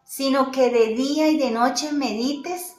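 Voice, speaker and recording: A woman's voice: high voice, slow pace. A woman preacher, delivering a sermon emphatically, repeating key phrases and answering her own rhetorical questions. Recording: echoey room with faint music.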